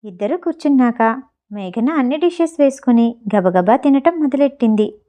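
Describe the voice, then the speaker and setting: A woman narrating a serialized audio novel in a steady, unhurried reading voice. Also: high voice. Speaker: storyteller.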